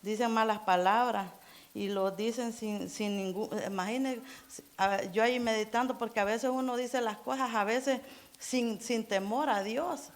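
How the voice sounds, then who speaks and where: A middle-aged woman giving an informal church sermon in an earnest, halting way, restarting phrases and repeating words as she goes. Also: a little high, steady tone. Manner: keeps urging listeners to imagine. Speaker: church member preaching.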